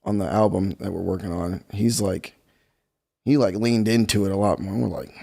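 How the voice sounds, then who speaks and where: Young male guest, low voice, laid-back and rambling, lots of ums. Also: fairly even intonation, moderate pace, creaky, darkish tone. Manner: easygoing, rambling, many fillers like um and you know. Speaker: guest musician. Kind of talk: casual interview chat.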